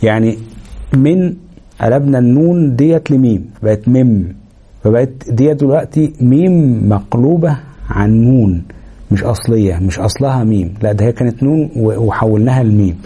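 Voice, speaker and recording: A man's voice: mid-range voice, mellow, slightly rough. A man with an Egyptian Arabic accent teaching tajweed rules, explaining step by step and checking that listeners follow. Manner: explains step by step, pauses with fillers, checks understanding. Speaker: Quran recitation teacher. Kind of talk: explanatory lesson.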